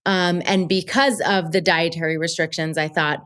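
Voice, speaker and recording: Upbeat female podcast guest, slightly low pitch, casual and chatty. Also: fairly even intonation, normal speed, fairly bright tone. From Colombia. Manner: chatty, upbeat storyteller with fillers. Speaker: podcast guest, travel show creator. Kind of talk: casual interview chat.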